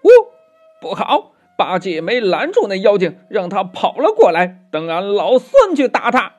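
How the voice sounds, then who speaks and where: A man voicing a brash, cocky male monkey king hero in a children's storybook, calling out loudly. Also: sits high, big pitch swings, measured pace, faint music behind, heavily acted. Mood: alarmed. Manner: loud, boastful calls.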